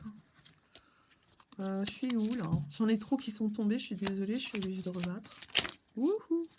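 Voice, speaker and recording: A woman with a somewhat high voice gives a relaxed tarot reading from her home. She talks in a chatty, playful way, speaking directly to her viewers, with a faint hiss behind her. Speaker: tarot reader. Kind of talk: casual live tarot reading.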